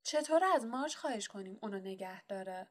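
A woman reading an audiobook, voicing a blustering, bullying middle-aged uncle who talks loud and threatening. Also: medium pitch, lively intonation.

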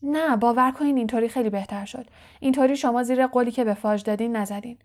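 A woman reading aloud plays a teenage boy who talks fast and quietly, trying to reassure. The voice sits fairly high in a storybook reading. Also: close to an everyday voice. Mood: earnest. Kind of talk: audiobook character voice.

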